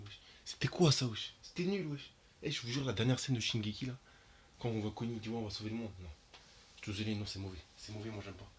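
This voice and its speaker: A young man giving casual reaction commentary to his viewers, slangy and excitable, his voice jumping high and loud when he is shocked. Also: slight background noise. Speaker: anime reaction YouTuber.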